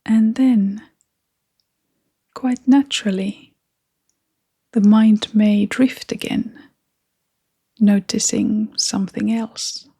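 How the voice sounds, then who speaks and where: A woman guides a meditation in a soft, breathy, half-whispered voice, speaking gently with long pauses. Her pitch sits in the mid range and her delivery is flat.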